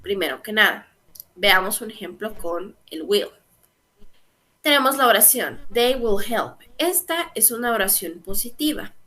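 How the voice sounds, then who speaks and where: A woman's voice: medium pitch, lively intonation, measured pace, bright, forceful tone. A young woman teaching an English grammar lesson, explaining patiently step by step and often checking in with her students.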